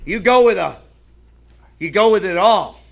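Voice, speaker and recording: A man's voice: sits high, expressive, unhurried, gravelly, faint music behind. A man speaking at a recovery meeting, sharing his story in an earnest, conversational way. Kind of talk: personal recovery share with stories.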